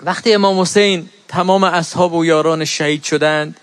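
High-voiced man preaching a mourning sermon. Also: steady tone, fairly bright tone, clean tone, no room sound. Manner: storytelling, rising to impassioned lamenting chant. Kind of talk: mourning sermon with chanted Arabic recitation.

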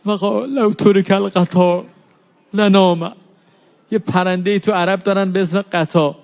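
High-voiced man preaching, dull lo-fi sound. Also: fairly even intonation, vocal fry, a little mellow. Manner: recites Arabic then explains it in Persian. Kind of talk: religious mourning sermon. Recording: dull lo-fi recording.

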